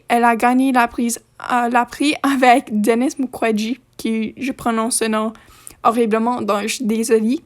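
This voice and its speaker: A woman speaking non-native French as a third language, presenting a scripted informational video in a halting, apologetic way with casual asides. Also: on the high side. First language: not French; French is a third language.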